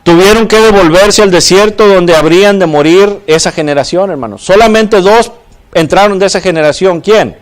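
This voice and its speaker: A man's voice: high voice, normal speed. A man preaching a sermon, often putting questions to the congregation and adding "¿verdad?". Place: church.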